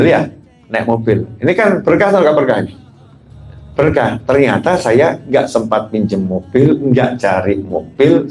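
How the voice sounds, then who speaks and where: Lively storytelling male preacher. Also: mid-range voice. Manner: lively storytelling with rhetorical questions and asides. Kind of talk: conversational sermon with personal stories.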